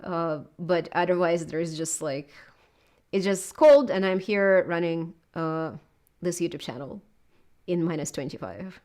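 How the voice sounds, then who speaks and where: A woman's voice: lowish voice, measured pace, darkish tone. A woman in her thirties from southern Russia, with a Russian accent, who chats casually and hesitantly in an interview and fills her talk with many filler words. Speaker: YouTuber being interviewed.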